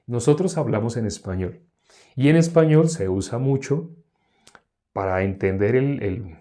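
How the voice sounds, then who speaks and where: A man preaching a sermon, teaching with rhetorical questions and emphatic swings in pitch. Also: dark tone.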